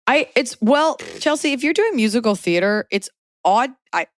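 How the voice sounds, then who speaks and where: A woman's voice: fairly high pitch, lively intonation, moderate pace, dry recording, studio quality. A woman in her forties hosting a podcast, giving frank, emphatic advice in a casual chat. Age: 40s.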